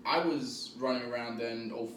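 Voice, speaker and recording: A man hosting a podcast, relaxed and steering the chat with short prompts. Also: mid-range voice, normal speed. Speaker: podcast host. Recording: echoey room, far from mic, noise.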